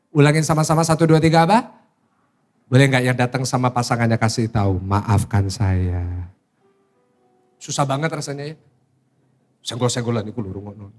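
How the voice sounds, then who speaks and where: A middle-aged man, a pastor preaching a sermon to a congregation. He tells personal stories animated delivery, acts out his own shocked reactions and asks the congregation questions. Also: medium pitch. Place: church sanctuary in front of a congregation.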